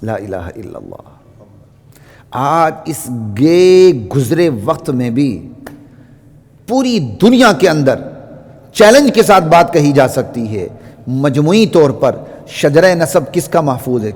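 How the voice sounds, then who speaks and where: Preacher with a long hall echo. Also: male voice, fairly high pitch, a little mellow. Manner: slow, emphatic repetition of phrases. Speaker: Friday preacher. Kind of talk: Friday sermon.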